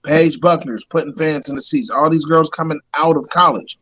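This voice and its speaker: A man co-hosting a sports podcast, talking in a slangy, animated way full of "like" and "bro". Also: on the high side, moderate pace, husky, rough recording. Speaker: podcast co-host. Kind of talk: casual sports talk.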